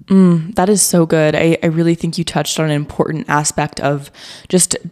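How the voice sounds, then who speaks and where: A woman's voice: low voice, steady tone, moderate pace, darkish tone. A woman hosting a wellness podcast, talking earnestly in a conversational interview and quoting herself with animation. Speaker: podcast host.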